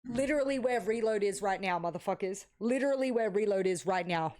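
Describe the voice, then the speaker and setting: A woman's voice: mid-range voice, fairly quick. Swearing young woman streamer. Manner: excitable, swears a lot, talks to herself while playing. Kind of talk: casual live-stream commentary.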